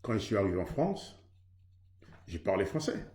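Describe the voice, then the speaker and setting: A man's voice: fairly low pitch, sing-song, normal speed, a little mellow, echoey room. A man from Haiti preaching earnestly on marriage, in a conversational way that acts out both sides of a couple's exchange. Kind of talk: sermon on marriage.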